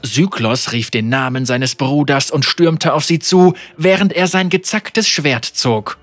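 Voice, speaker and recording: Man narrating a dark pirate tale. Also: on the high side, no echo, soft background music. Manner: measured, vivid storytelling. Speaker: audiobook narrator. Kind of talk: scripted narration.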